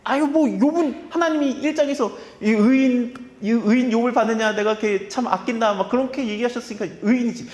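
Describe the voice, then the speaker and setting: A man's voice: extremely high pitch, a little fast, few pauses, darkish tone. A man preaching an expository sermon in a conversational way, acting out the voices he quotes. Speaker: pastor. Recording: echoey hall reverb.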